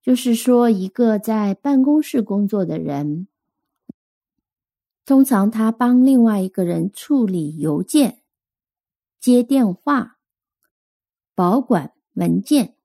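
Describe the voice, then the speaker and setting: A woman teaching English vocabulary in a scripted lesson, her voice warm and mellow. She slows down carefully to spell words and model pronunciation. The recording is dry and close, with no room sound. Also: medium pitch, expressive, vocal fry, no echo. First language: Chinese.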